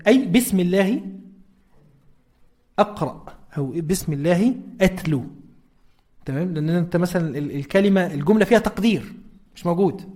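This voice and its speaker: Egyptian guy giving a quran lesson, high voice, talks fast, keeps asking "right?". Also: darkish tone. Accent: Egyptian Arabic. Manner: conversational, keeps checking in with rhetorical questions. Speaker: religious teacher.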